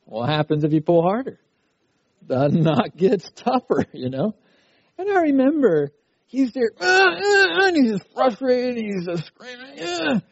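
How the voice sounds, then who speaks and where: A man's voice: high-pitched, very animated, a little slow, darkish tone, no room sound, lo-fi sound. A middle-aged man preaching a sermon at a youth conference, talking in a conversational way and acting out a frustrated child's cries. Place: conference hall.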